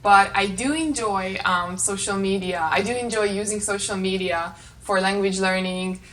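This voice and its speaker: Answering tag questions in a casual chat to camera, a Hungarian channel host in her late twenties speaks with a Hungarian accent at normal speed. Her medium-pitched tone is fairly bright and fairly even. The recording, made in a small carpeted bedroom at home, is low quality.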